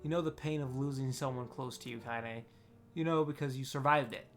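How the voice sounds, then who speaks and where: A man's voice: mid-range voice, steady tone, brisk, soft background music, natural voice. A man voicing a tiny, vulgar, fierce old grandmother with a coarse, snarling way of talking. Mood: stern, tender. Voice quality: coarse, snarling, rural grammar.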